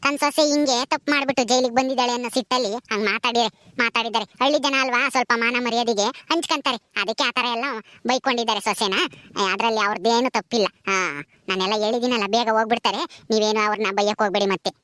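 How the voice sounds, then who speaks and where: A woman playing a police officer who speaks in a measured, reassuring way. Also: fairly high pitch, fairly even intonation, fairly bright tone, no room sound, natural voice. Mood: calm. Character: calm woman police officer, firm but kind.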